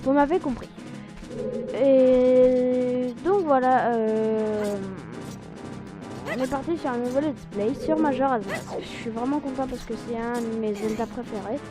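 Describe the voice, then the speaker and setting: A woman with a hoarse, strained throat, hosting a casual let's play in informal, youthful slang. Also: high voice, measured pace, music in the background. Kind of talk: casual game commentary, reading dialogue aloud.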